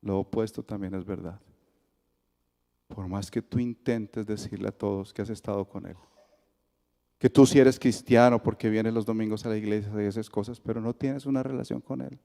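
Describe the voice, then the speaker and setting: Fairly low and touched with vocal fry, this Colombian pastor's voice moves at a moderate pace, trailing a long reverb through the sanctuary. He preaches by storytelling, animatedly voicing the dialogue himself.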